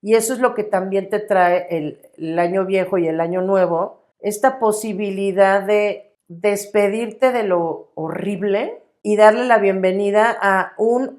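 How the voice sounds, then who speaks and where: Mexican woman cohosting a podcast, thoughtful and easygoing, mid-pitched voice. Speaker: podcast co-host. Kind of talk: casual chat.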